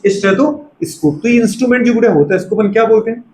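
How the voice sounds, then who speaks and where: A man's voice: very high voice, steady tone, rapid-fire, a little mellow. A man teaching a lecture, constantly checking whether the students follow and repeating a filler phrase. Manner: keeps asking students if they follow and calls them "beta". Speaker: medical entrance teacher. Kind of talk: classroom-style lecture. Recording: echoey room with faint background noise.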